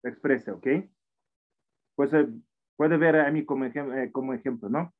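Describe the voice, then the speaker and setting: A forties-aged man with a mid-range voice and steady tone speaks at normal speed, teaching English online in Spanish with a foreign accent, as Spanish isn't his first language. Patient, encouraging, and often repeating himself, he talks from an indoor room at a computer. The video-call computer mic makes the audio tinny and phone-like.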